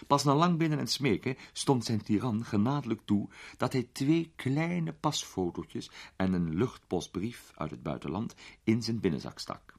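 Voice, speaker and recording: A man narrating a story in a lively, expressive way. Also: mid-range voice, normal speed, creaky, slightly rough. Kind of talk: audiobook narration.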